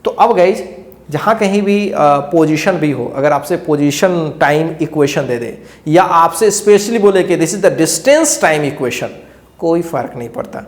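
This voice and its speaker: A male teacher giving a lecture who keeps quizzing his students with rhetorical questions and repeats key phrases as he explains. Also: on the high side. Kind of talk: classroom lecture. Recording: echoey room.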